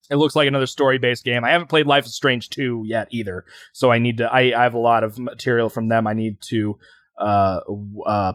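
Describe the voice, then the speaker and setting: A man's voice: mid-range voice, dry recording. Male podcast co-host, mid-range voice, rambling casual delivery, dry close sound. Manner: rambling, hesitant, many fillers and restarts.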